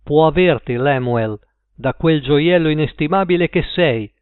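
A man's voice: a little high, measured pace, clear, resonant tone, dry recording, lightly acted. A man reading an audiobook and voicing a bitter, jilted woman who mocks her cheating lover with cutting scorn. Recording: tinny phone-like line.

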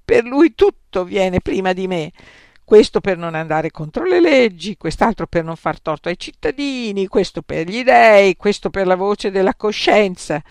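A man voicing a grieving, sharp-tongued older wife in an audiobook reading, with bitter, reproachful outbursts. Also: high voice, very animated, a little slow, no echo, clean studio sound, pitched above the performer's own voice, full character voice. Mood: furious.

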